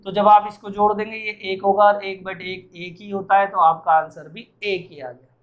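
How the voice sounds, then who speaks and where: Writing out each arithmetic problem, a math teacher poses questions to himself and then answers them, sounding worn out and sweaty. He speaks at normal speed in a high-pitched voice with little pitch movement, and the sound is muffled.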